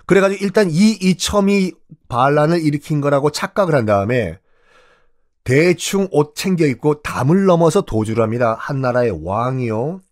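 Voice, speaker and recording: A man's voice: a little high, expressive, moderate pace. A man telling a history lesson in a playful, theatrical way, asking rhetorical questions and acting out the scenes. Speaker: history lecturer. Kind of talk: comic history storytelling.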